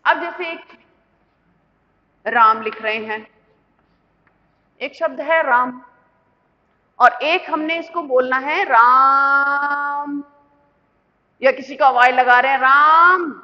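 A woman's voice: high voice, slow pace, long pauses. A woman teacher explaining a lesson step by step, asking the class questions and answering them herself. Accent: Indian Hindi. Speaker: school teacher. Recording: muffled lo-fi with long reverb.

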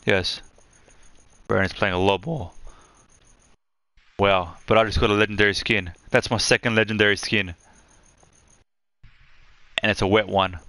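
A young man streaming live from his room on a headset mic, chatting excitedly as he opens game loot. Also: on the low side, a little slow, creaky, pauses often, dry recording. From Australia.

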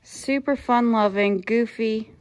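A woman in her thirties giving a casual tour of her small farm, introducing each animal in a friendly, unhurried way, filmed on a handheld phone in a barn and outdoors. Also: on the high side, a little mellow. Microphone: handheld phone camera.

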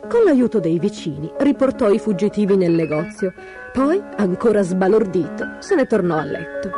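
A woman reading a children's storybook aloud, expressive and animated. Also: medium pitch, moderate pace, over music.

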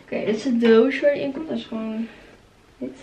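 A young woman chatting casually in a vlog from her bedroom, gushing and excited, talking to a handheld camera. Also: on the high side, a little fast, slight background noise. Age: young adult. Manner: excitable, gushing, exclaims often. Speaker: vlogger. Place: bedroom at home. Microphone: handheld camera at arm's length.

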